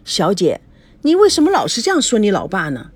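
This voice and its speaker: A woman voicing an earnest young friend in an audiobook, gently reasoning. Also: medium pitch, huge pitch swings, brisk, breathy edge, no echo.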